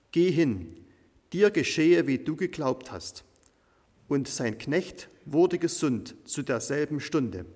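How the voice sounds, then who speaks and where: A man reading the gospel aloud in a church service, slow and solemn. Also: fairly high pitch, a little mellow. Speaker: scripture reader. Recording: long church reverb.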